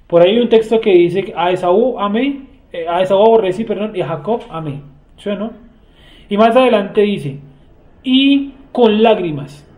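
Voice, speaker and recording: A Colombian man leads a Bible lesson in a conversational way, stopping often to ask his listeners questions. His voice sits high but sounds dark and mellow. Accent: Colombian Spanish. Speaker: teacher of a congregation. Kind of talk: Bible teaching.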